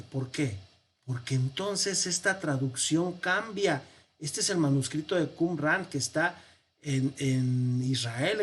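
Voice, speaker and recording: Man, priest lecturing a Bible class, unhurried delivery, slightly raised pitch, poses and answers questions. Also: a little hiss or hum. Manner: explanatory, poses rhetorical questions and answers them; walks through a text on screen, counting and pointing.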